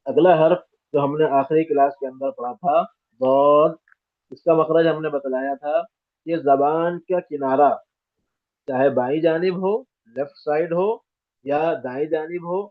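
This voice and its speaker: Man teaching letter sounds over tinny audio. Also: a little high. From India. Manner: demonstrates letters by sounding them out repeatedly; corrects common student mistakes firmly. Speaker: Quran recitation teacher. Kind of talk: step-by-step pronunciation lesson.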